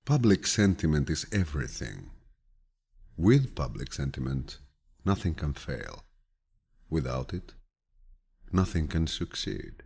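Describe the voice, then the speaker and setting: Slowly and from a script, a man narrates quotations for an audiobook. His voice is deep, husky and low, and his calm, soothing manner brings a grandfather to mind.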